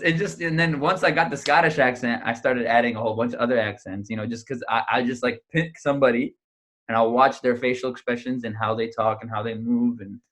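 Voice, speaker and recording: A young American stand-up comedian, speaking at medium pitch, appears as a guest in a casual interview over a video call. He tells stories animatedly, full of fillers and restarts.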